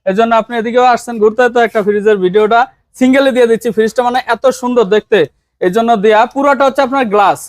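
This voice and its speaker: Shop seller, male, Bangladeshi Bengali accent. Very high, very fast, dry close sound, relentless price countdowns. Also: no room sound. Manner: fast, insistent haggling patter with repeated stock phrases. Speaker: used fridge shop seller. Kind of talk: rapid sales pitch, counting prices down. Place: used fridge shop.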